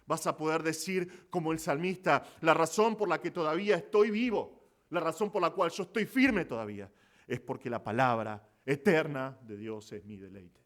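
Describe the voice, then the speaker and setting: A man's voice: on the high side, expressive, normal speed. A man with a Rioplatense Argentine accent preaching a church sermon, explaining scripture and rising to emphatic exclamations. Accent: Rioplatense Spanish. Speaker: pastor.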